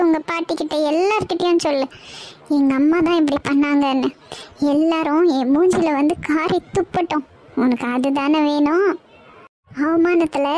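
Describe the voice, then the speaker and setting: A woman's voice: high-pitched, a little mellow, close to an everyday voice. An actress playing a middle-aged mother, reproachful and guilt-tripping, in a TV serial scene. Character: bitter, self-pitying middle-aged mother.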